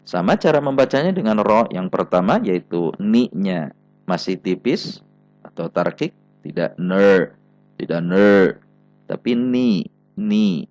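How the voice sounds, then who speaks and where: A man's voice: on the low side, darkish tone, dry recording. Patient Indonesian man teaching recitation. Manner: patient, repeats example sounds with careful stress. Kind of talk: slow spelled-out recitation lesson.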